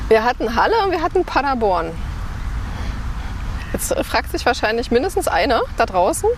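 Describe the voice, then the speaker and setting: A woman's voice: on the high side, big pitch swings, normal speed, pauses often, slight background noise, low-quality recording. A woman co-hosting a podcast in a playful, teasing casual chat. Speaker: podcast co-host. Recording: music playing behind.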